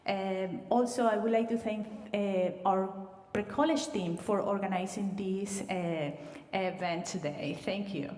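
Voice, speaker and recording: The admissions director, a Venezuelan woman, greets students warmly in a livestreamed talk from an echoey hall, using fillers and slightly non-native phrasing. Her mid-range voice holds a steady tone at a measured pace, though the mic is far away and the reverb is roomy.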